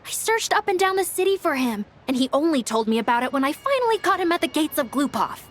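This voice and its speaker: An actress voicing an earnest young woman, a caring younger sister who talks brightly and chattily. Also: sits high, sing-song, quick pace, slight background noise. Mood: reproachful.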